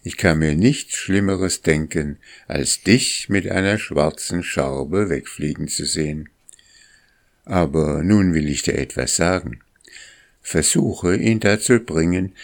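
A man's voice: very deep voice, full character voice. A man voicing a sly, scheming female goose who speaks in an insinuating, emphatic way, in a storybook reading.

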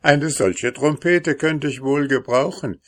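A man's voice: fairly high pitch, slow, pitched above the performer's own voice. Man voicing a bold cheeky hussar.

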